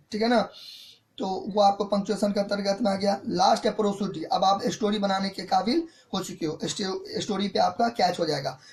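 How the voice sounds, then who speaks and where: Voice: mid-range voice, darkish tone. Patient, repetitive online grammar teacher. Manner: repetitive, explains step by step, often checks in with "theek hai na"; mixes in English terms.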